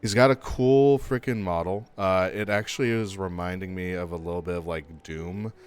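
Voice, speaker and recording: A man's voice: low voice, fairly even intonation, normal speed, a little hiss or hum. A young adult man streaming a game, chatting casually and upbeat, laughing easily as he talks to his viewers. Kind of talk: casual live game commentary.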